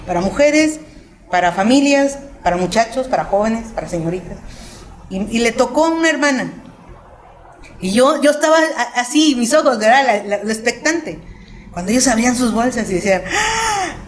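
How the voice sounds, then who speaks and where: Woman, Mexican accent, fairly high voice, missionary testimony, lively storytelling. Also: normal speed. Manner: animated storytelling, acting out quotes in a high voice. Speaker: missionary speaker.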